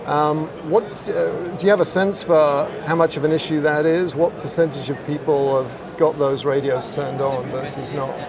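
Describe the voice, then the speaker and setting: A man's voice: on the high side, steady tone, moderate pace, few pauses. A middle-aged man with a slightly raised voice asks friendly questions and backs up the answers he hears. He sits in a booth at a busy trade show, and the crowd chatter of the hall fills in behind him. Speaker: interviewer, podcast host. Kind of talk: conversational interview.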